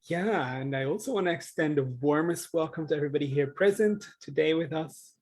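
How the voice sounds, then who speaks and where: Presenter: a man from the Netherlands, in his thirties, thoughtful and a bit halting, on a conference call. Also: a little high, a little mellow, low-quality recording. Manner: earnest, reflective, with frequent ums. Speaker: social enterprise founder presenting. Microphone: video call.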